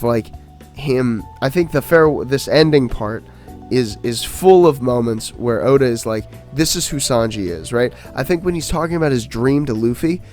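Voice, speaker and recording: A man co-hosting a podcast in casual chat, excited and rambling with many fillers and restarts. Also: medium pitch. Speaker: podcast co-host.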